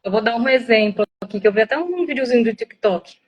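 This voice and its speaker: A high-pitched young woman talks frankly about her own life, circling back and repeating herself as she goes. Her delivery is halting and often soft, as if she is keeping her voice down on purpose. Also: expressive, slightly rough, highs cut off. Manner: often speaks softly to avoid sounding rude. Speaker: guest sharing her experience. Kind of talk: personal testimony in conversation.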